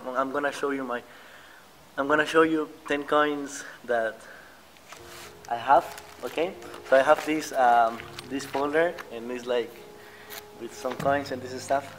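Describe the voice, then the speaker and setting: A man's voice: mid-range voice, steady tone, unhurried, fairly bright tone, a little hiss or hum. A man in his late teens, a student vlogger, chatting casually outdoors beside a building and rambling with lots of fillers and small laughs. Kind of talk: casual vlog chat.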